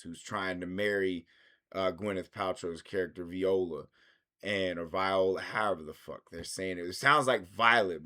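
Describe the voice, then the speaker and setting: A man's voice: low-pitched, bright, forceful tone. A man reviewing films in a rambling, casual monologue, swearing constantly. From United States. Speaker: film reviewer.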